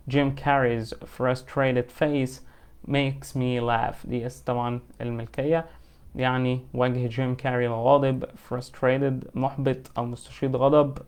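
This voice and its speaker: Egyptian male English teacher, smooth clear voice, mid pitch, slow deliberate reading of examples. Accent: Egyptian Arabic. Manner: explains in colloquial Arabic, reads English examples slowly and clearly. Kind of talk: online English lesson.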